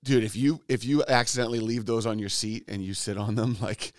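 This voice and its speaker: A man's voice: fairly low pitch, steady tone, brisk, no echo, studio quality. A man co-hosting a trade podcast, joking easily with his partner and plugging the show to listeners. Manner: joking, easygoing, plugs the show. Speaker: podcast co-host. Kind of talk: casual podcast banter.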